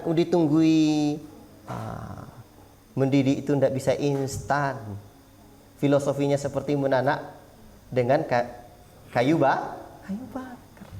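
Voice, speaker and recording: A man's voice: mid-range voice, darkish tone, a little hiss or hum. A man giving a religious lesson to parents in a small prayer hall, asking rhetorical questions and acting out little parent-child exchanges. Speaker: Islamic preacher.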